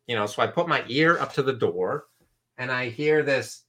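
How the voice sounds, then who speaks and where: A man's voice: mid-range voice, normal speed, bright, forceful tone. A man from San Francisco telling a story from his youth as a guest, acting out the other voices in it. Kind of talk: storytelling in a conversation.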